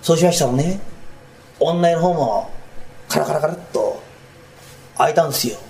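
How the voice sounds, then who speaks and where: A man voicing Kuma, a bumbling, smitten Edo townsman who rambles sheepishly in rough street speech, in rakugo storytelling. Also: fairly high pitch, moderate pace, darkish tone, slight background noise, voice pushed down.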